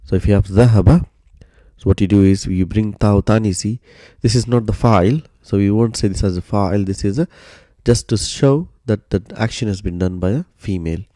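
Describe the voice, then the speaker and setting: Man, low voice, mellow tone, dry close sound, patient step-by-step grammar teacher. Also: moderate pace, dry recording. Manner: patient, step-by-step explaining with filler "uh" and "so". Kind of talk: recorded classroom lesson explaining grammar.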